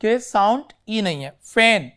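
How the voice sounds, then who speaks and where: A man's voice: sits high, animated, pushed and bright, smooth. A man teaching an English spelling lesson. He mixes Urdu and English, calls his students "beta" and keeps checking whether they follow. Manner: slow, deliberate explaining with many spelling examples. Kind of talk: classroom lecture mixing Urdu and English.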